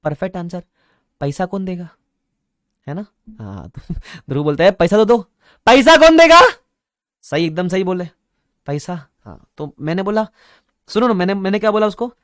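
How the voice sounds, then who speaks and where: A young man teaching a live class, telling a playful story and acting out loud bits of dialogue. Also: sits high, expressive, normal speed, pauses often, no room sound, clean studio sound. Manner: playful storytelling, acts out shopkeeper dialogue loudly. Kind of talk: live online class lecture.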